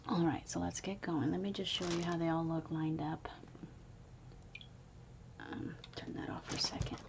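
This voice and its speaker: A woman chatting in a soft whisper at home early in the morning, showing her handmade planners. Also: sits low, fairly even intonation, normal speed, gravelly, background noise.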